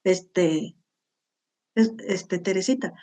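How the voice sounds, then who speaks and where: A woman's voice: fairly low pitch, extremely slow, mellow. A woman giving heartfelt Bible teaching to a women's group, often asking "¿verdad?". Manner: heartfelt, tags lines with "¿verdad?".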